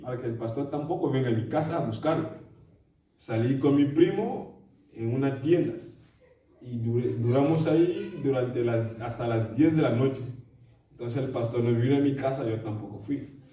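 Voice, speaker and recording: A man's voice: medium pitch, dark tone. A man giving an earnest personal testimony in a church sermon, telling his story with many repeated phrases. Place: church meeting room. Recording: echoey church room from a distance.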